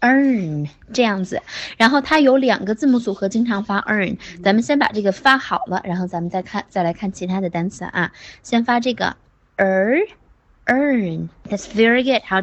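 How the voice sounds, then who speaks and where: A woman teaching English pronunciation in an online class, patient, saying words slowly and praising her students. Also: mid-range voice, no room sound, highs cut off.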